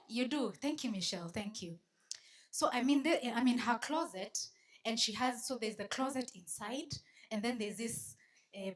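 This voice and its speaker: A Kenyan woman giving a storytelling talk to a live audience at a conference, switching between English and Swahili and teasing the crowd. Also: mid-range voice. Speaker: conference speaker. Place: conference venue.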